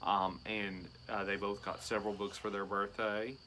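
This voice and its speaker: A man's voice: on the low side, flat delivery, moderate pace, background noise. A man in his thirties, a teacher co-hosting a casual chat show, teasing his co-host with joking banter.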